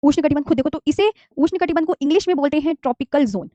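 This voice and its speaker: Speaking quickly in a high voice with a dark tone, this thirtysomething woman leads a geography class and urges the students to say the key terms along as she repeats them. Her Hindi is sprinkled with English terms, and she addresses the class as "dear children." The sound is dry, captured on a slightly dull lo-fi microphone.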